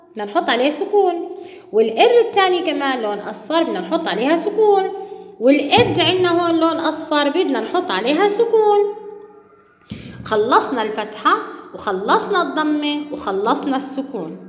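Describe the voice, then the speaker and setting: A woman teaching young children in a high, clear voice. She explains each step patiently and keeps asking the class questions. The recording has a roomy echo with a long reverb tail. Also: a bit bright. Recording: echoey room with long reverb.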